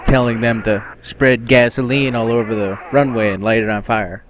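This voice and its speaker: Deadpan guest guy on a let's play, mid voice, noisy mic. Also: medium pitch, moderate pace. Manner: dry, deadpan replies. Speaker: guest co-commentator. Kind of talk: casual commentary over gameplay.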